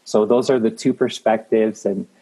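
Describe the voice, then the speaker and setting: This interview guest, a creative manager from the Czech Republic in his thirties, has a fairly low, mellow voice with a breathy edge, fairly even intonation and a moderate pace. Speaking with a Czech accent, he gives earnest, encouraging motivational talk, often restarting, on a low-quality recording.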